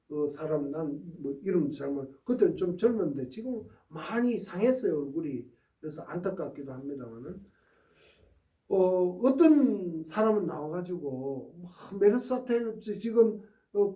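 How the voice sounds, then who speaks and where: Male history lecturer, emphatic and questioning; high-pitched and mellow, heard from a distance. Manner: emphatic, prods listeners with rhetorical "eh?". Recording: roomy sound from a distant mic.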